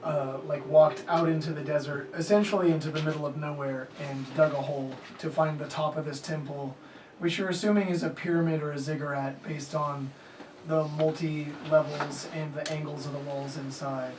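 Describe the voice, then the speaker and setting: A man's voice: a little high, steady tone, normal speed, darkish tone. A man narrating a tabletop game as game master, casual and rambling with fillers. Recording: echoey room, mic far off, noisy.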